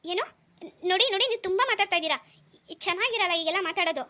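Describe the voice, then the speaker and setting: A woman voicing a gentle young stepmother in a cartoon, talking in an earnest, pleading way. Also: very high-pitched, fast talker. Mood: indignant. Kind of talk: cartoon dialogue.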